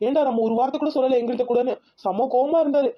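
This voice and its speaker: A woman's voice: sits high, fairly even intonation, very fast, muffled recording. A woman voicing a reassuring young married man in a Tamil cartoon. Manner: reassuring, eager.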